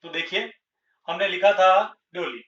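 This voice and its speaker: A man with a high voice teaches a grammar lesson in a measured, unhurried way, repeating every example word. He is recorded from a distance in an echoey room on a dull, lo-fi mic. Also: steady tone, fairly bright tone. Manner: slow, deliberate, repeats each example word. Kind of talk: blackboard Hindi grammar lesson.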